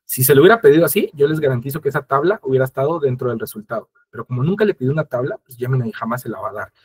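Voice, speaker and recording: Fast-talking husky man teaching a webinar. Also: medium pitch, lively intonation, a little mellow. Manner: explanatory, addresses the audience directly and acts out quoted dialogue. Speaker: webinar presenter. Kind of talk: instructional webinar talk.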